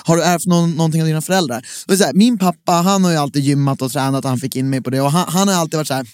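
A man's voice: on the high side, smooth, no echo, clean studio sound. Young man telling a heated story. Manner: animated storytelling with rants and acted quotes. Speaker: podcast co-host. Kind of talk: casual chat. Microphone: studio microphone.

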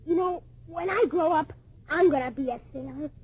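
A woman acts out a naive little boy in an old radio drama. The voice is extremely high and childlike, full of dreamy wonder. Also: moderate pace, a little mellow, natural voice. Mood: wistful, wondering.

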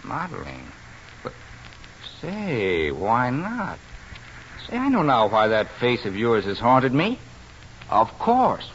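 An actor playing a bitter, moody painter husband in a 1940s radio drama, brusque and swinging from eager to curt. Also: male voice, medium pitch, huge pitch swings, slow, long pauses, fairly bright tone, heavily acted. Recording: dull old radio broadcast, faint hiss.

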